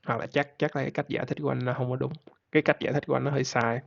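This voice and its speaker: Gravelly, laid-back man. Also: medium pitch, very fast, background noise. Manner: relaxed, rambling, laughs easily. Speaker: podcast host. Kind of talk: casual chat. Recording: dull lo-fi sound.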